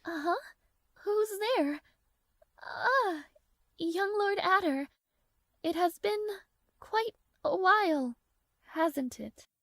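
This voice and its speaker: A woman playing a proud, easily flustered young princess in a romantic fantasy audio roleplay, speaking formally and haltingly. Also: very high voice, lively intonation, a bit bright, no room sound, clean studio sound, exaggerated voice. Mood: polite, guarded. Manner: formal, halting, hesitant, prim.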